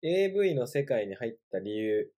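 A young man co-hosting a casual podcast chat, relaxed, blunt and teasing. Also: mid-range voice, moderate pace. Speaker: podcast co-host.

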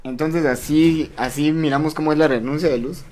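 A man's voice: on the high side, steady tone, moderate pace, music in the background. A young Mexican man hosting a casual, crude live podcast close to the mic, joking and laughing often. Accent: Mexican Spanish. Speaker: podcast host. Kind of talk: casual live-stream chat.

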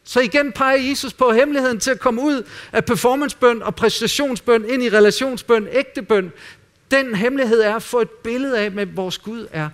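A man preaching a sermon in an earnest way, dropping at times to quiet, intimate asides. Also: extremely high pitch. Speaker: pastor.

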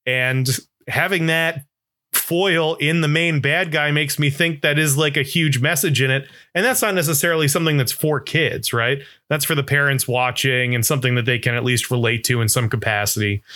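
Man, podcast co-host, bright voice, casual chat, enthusiastic, rambling. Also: medium pitch, steady tone, moderate pace.

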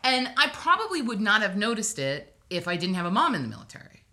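A woman's voice: medium pitch, very animated, quick pace, a crowd in the background. A woman from Hawaii, a guest on a casual podcast, telling personal stories in a chatty, wry way with asides.

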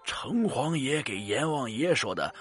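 A man voicing a scheming male water ghost who speaks in a low, hushed mutter. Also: big pitch swings, measured pace, breathy edge, soft background music. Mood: dismissive.

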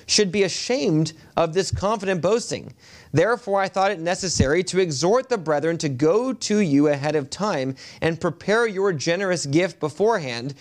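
A male pastor preaching a sermon at a pulpit microphone in a church. He reads scripture in a measured way and often halts with fillers when he speaks freely. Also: fairly high pitch. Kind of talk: sermon with scripture reading and prayer. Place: church sanctuary.

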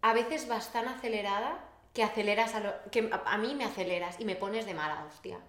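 A woman from Spain co-hosting a podcast, lively and emphatic with a teasing edge. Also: mid-range voice, a little fast, echoey room. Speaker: podcast co-host. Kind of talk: casual chat.

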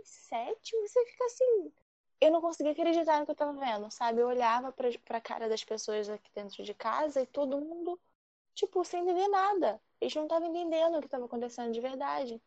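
A woman from Rio de Janeiro, telling a personal story in a lively, animated way and acting out the quotes. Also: sits high, fast, no echo, muffled recording. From Rio de Janeiro, Brazil. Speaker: guest storyteller.

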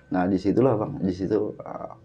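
A man's voice: sits low, measured pace, a little mellow, slightly rough. A man casually tells a dramatic personal story to a host, constantly calling him "Bang". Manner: keeps addressing the host as "Bang", vivid and dramatic. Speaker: guest telling a personal story. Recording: dull lo-fi sound with faint background music.

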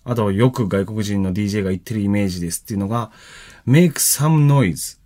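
A man's voice: on the low side, very fast. A man hosting a casual radio chat with bandmates, reading mail aloud and keeping the show moving. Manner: relaxed, runs the show, reads mail aloud. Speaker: band member radio host.

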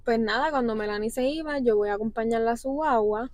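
A woman, a podcast guest chatting casually and chiming in with animated remarks. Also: a little high, quick pace, no room sound.

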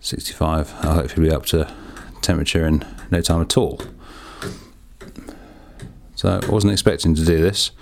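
His voice rumbles low and creaky, at a normal speed with frequent pauses. The man is a podcast host rambling through hands-on darkroom work in a small, echoey space, chatty, self-deprecating and casually profane.

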